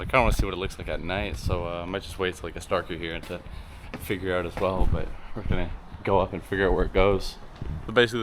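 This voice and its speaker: Low-voiced young man rambling on a travel vlog. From Canada. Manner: relaxed, rambling with many fillers. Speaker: travel vlogger. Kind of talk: casual walking vlog. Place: city streets outdoors. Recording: noisy outdoor street recording.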